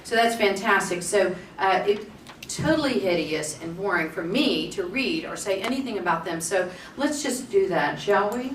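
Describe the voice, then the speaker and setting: Speaking at a panel in a conference room, a woman moderator who is also a state representative keeps things chatty, jokey, and self-deprecating. Her mid-range voice has lively intonation and a moderate pace, picked up by a distant mic in a roomy space with faint background noise.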